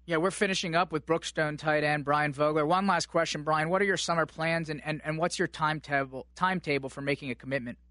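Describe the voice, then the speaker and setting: A man works as a sports radio host, interviewing and wrapping segments. His voice is fairly high and quick, recorded dry in a studio. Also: steady tone, sharp tone, dry recording.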